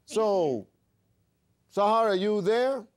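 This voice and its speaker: A man hosting a studio talk show, introducing guests in a measured way with some hesitations. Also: high-pitched, expressive, clean tone. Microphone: studio microphone.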